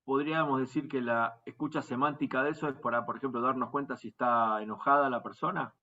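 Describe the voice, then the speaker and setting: A man's voice: medium pitch, fairly even intonation, fast talker, pushed and bright, lo-fi sound. A male student asking a question in class.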